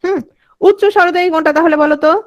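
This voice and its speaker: High-voiced woman teaching a class. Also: steady tone, very fast. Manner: drills vowel sounds aloud, quizzes students with questions. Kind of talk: online class lecture.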